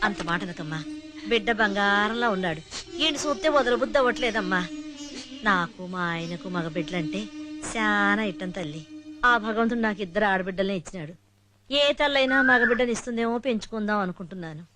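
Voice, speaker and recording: A woman's voice: medium pitch, lively intonation, a little fast, natural voice. A woman with a playing an earnest village mother, over film music. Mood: pleading. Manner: emotional, earnest. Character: rustic childless-of-sons village mother. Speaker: village woman buying a child. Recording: film soundtrack with loud music.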